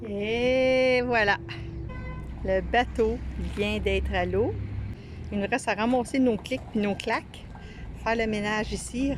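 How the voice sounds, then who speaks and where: A woman with a Quebec French accent chatting excitedly and laughing aboard a sailboat at the dock. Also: medium pitch, noisy background. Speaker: sailing vlog co-host. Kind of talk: casual chat on a boat.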